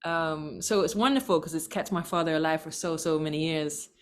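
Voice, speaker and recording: A woman guest, a language educator born in Thailand, talking in an animated, laughing way on a video call. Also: a little fast. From born in Thailand, raised in several countries. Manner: animated, laughing, big swings in pitch. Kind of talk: casual conversation.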